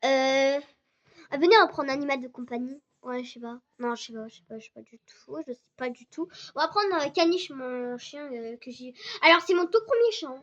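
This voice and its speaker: Young woman, hoarse sore throat, high voice, excitable, rambling casual game commentary, muffled lo-fi sound. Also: brisk. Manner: rambling, excitable, many restarts and fillers. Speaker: gaming channel host. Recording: dull lo-fi recording.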